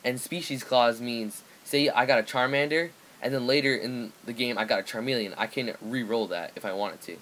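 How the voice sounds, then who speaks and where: A man's voice: medium pitch, normal speed, hardly any pauses, a bit bright, slight background noise, rough recording. Rambling teenage boy co-hosting a let's play. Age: teens. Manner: rambling, self-correcting, frequent ums. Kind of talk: casual gameplay commentary.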